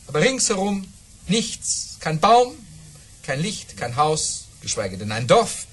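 Theatrical, boastful Baron Münchhausen, wildly swooping pitch. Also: male voice, sing-song, slow, a bit bright, slightly rough, heavily acted. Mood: savouring, boastful. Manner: theatrical, savouring storytelling with dramatic swings. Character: boastful, jovial aristocratic baron telling tall tales. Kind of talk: German radio play acting.

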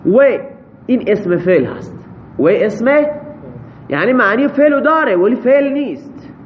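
A man's voice: high voice, lively intonation, a little hiss or hum. A man teaching a classroom grammar lesson, parsing example sentences step by step and checking answers with his students.

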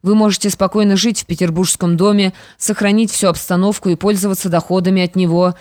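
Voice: mid-range voice, steady tone, quick pace, a little mellow, no echo, clean studio sound, lightly acted. An audiobook reader voicing a proud, stern young woman who speaks firmly and with indignation, yet forgives. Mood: stern, indignant. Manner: indignant, firm.

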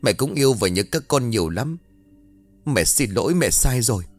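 A man's voice: mid-range voice, expressive, normal speed, faint music behind, pitched above the performer's own voice, natural voice. A man voicing the grieving, vengeful ghost of a young mother, bitter and anguished. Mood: tearful. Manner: bitter, anguished, then tearful.

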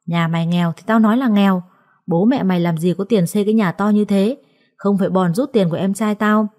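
A woman voicing a sharp-tongued sister-in-law who mocks and scolds loudly, in a storybook reading, with a mellow voice. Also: medium pitch, fast talker, lightly acted. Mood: contemptuous. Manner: loud, mocking, contemptuous.

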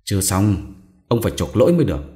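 A man voicing a sharp-tongued, defiant young wife who speaks with mocking scorn in a storybook reading. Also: fairly low pitch, sing-song, fast talker.

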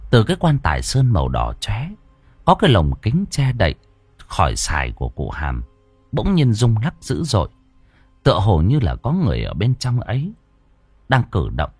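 A man's voice: fairly low pitch, huge pitch swings, moderate pace, a little mellow, slightly rough, no room sound, faint music behind. A man narrating a ghost story with dramatic, suspenseful delivery.

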